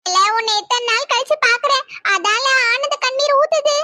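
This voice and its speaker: A woman's voice: very high voice, quick pace, background noise. A woman voicing a middle-aged village mother in a cartoon who fusses and dotes on her son. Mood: doting. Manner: doting, coaxing, village Tamil talk.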